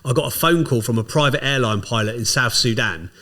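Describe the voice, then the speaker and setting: A man, a podcast guest, telling stories in casual chat and swearing freely. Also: medium pitch. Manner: fast, swears freely, animated storyteller.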